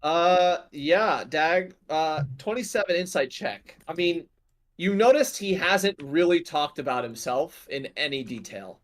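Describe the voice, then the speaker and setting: A man's voice: on the high side, expressive, a little slow. A man narrating as game master of a tabletop game in a casual, slangy way.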